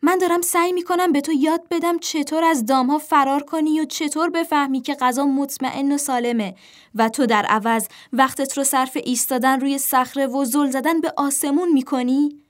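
A woman voicing a stern father crow who scolds and shouts at his son. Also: fairly high pitch, lively intonation, natural voice. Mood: angry.

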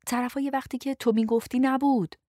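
A woman reading a young man's lines in a low, urgent murmur, pleading and defensive. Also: fairly even intonation, dark tone, no echo, clean studio sound.

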